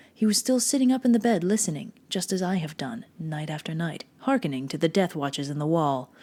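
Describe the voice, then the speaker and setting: A woman gives a dramatic gothic horror reading as a mad, obsessive murderer who insists on being sane, her low voice theatrical and deliberate. She moves between hushed and swelling tones, sounding sinister and knowing.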